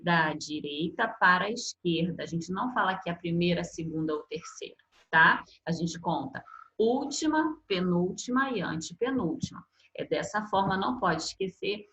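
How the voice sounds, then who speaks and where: Woman, teacher, online class, patient explaining, bright clear voice. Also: medium pitch, rough recording. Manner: explanatory, with frequent "tá?" check-ins.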